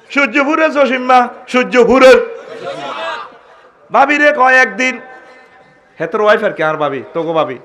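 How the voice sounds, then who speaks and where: A high-pitched man with a Comilla Bengali accent delivers a humorous sermon, his voice bright and forceful. He breaks into sing-song chanting and calls out to the listeners, with a crowd faintly audible behind him at an outdoor gathering. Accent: Comilla Bengali dialect. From Bangladesh. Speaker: preacher.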